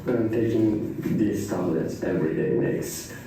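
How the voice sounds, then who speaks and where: Deep slow man. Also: warm tone, a little hiss or hum. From China. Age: 20s. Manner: simple, hesitant English. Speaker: interviewee. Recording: echoey room, far from mic.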